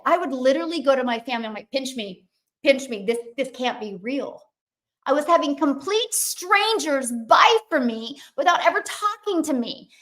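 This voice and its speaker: A woman's voice: high voice, a bit bright. A woman gives an emphatic motivational talk, repeating lines for effect and acting out her own past thoughts. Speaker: motivational speaker.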